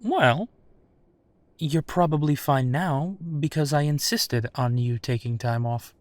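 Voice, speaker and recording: In an intimate roleplay audio drama, a man plays a protective, teasing werewolf private investigator, talking in a conversational, affectionate way. His medium-pitched voice is slow and close to an everyday voice, in a dry recording.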